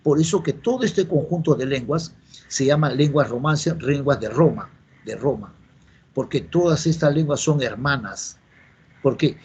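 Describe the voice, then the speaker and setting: The teacher, a man from Peru, speaks in a mid-range voice at a moderate pace, slightly mellow and slightly rough. His classroom lecture repeats key words, and he answers his own questions. Faint noise runs under the dull, lo-fi classroom recording.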